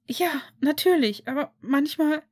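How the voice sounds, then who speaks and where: A woman voicing an upset young woman who is fiery and quick-tempered, in an audiobook reading of fan fiction. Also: high-pitched, darkish tone, no echo, studio quality, voice pushed up. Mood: torn. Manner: agitated, exasperated outbursts.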